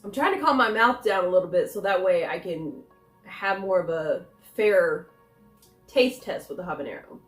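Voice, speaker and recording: A woman's voice: on the low side, lively intonation, moderate pace. A woman chatting casually through a food taste test, rambling and thinking aloud as she goes. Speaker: snack reviewer. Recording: roomy echo, faint music.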